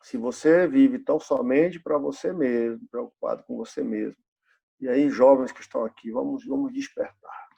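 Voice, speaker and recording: A man's voice: medium pitch, lively intonation, moderate pace, gravelly, dark tone, husky. A pastor in his fifties preaching a sermon in a church, asking the congregation rhetorical questions and repeating key phrases. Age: 50s.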